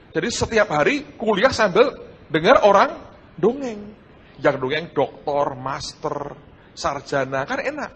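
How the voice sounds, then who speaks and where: A middle-aged man, preaching a sermon and telling his own story, swinging between hushed and loud. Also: on the high side. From Indonesia. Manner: animated, shifts between hushed and loud, addresses audience as saudara. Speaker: pastor. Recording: large hall with long reverb and faint noise.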